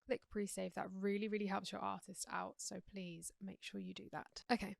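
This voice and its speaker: A young Englishwoman with a croaky sore throat, hosting a true crime podcast in an earnest, chatty way. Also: mid-range voice, level tone, moderate pace, no echo, studio quality. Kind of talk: casual true crime narration.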